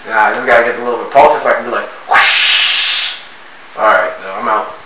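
A man's voice: fairly low pitch, brisk, roomy sound, far from the mic, heavy background noise. Man talking inside a closed helmet. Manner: loud commands, then mutters asides. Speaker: product reviewer. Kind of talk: casual product demo.

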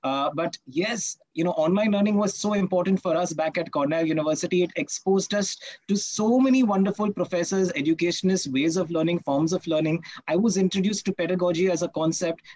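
A man's voice: sits high, fairly quick, few pauses, darkish tone, no room sound, poor audio. A man with an Indian English accent moderating an online panel in a wordy, formal and deferential way.

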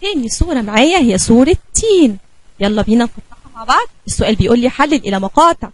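A woman with an Egyptian Arabic accent teaching a kindergarten spelling lesson, slowly drawing out letter sounds for young children. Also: a little high, lively intonation, dry recording.

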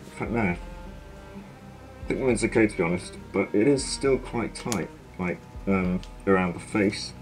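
Young male collector, low voice, muffled in a gas mask, rambling with fillers. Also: a little slow, faint music behind. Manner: rambling, hesitant, many fillers. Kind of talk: casual show-and-tell video.

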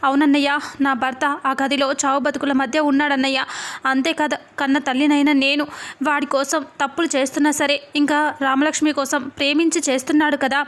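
A woman's voice: high-pitched, flat delivery, fairly quick, a bit bright. A woman voicing an angry, grieving mother as she retells a television serial. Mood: pleading.

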